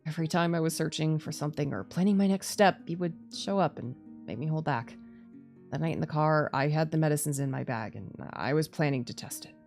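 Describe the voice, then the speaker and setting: A woman's voice: low voice, brisk, darkish tone, soft background music. A woman voicing a weary, anguished male doctor in a visual novel, tender and self-blaming, with a subdued, heavy-hearted delivery. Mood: tender confession. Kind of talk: visual novel dialogue reading.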